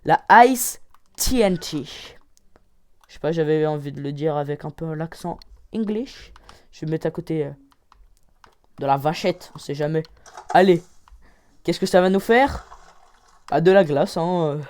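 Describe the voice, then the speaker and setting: This gaming channel host, a woman with a low voice, speaks at normal speed but leaves long pauses. Her game commentary is excited, punctuated by loud exclamations, and she rates every item out of ten.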